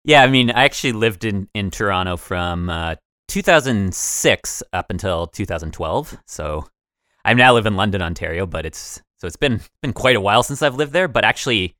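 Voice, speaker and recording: A man's voice: fairly low pitch, expressive, normal speed, bright, forceful tone, no echo, studio quality. A man co-hosting a community radio talk show, upbeat and a little rambling. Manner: upbeat, rambling, restarts phrases.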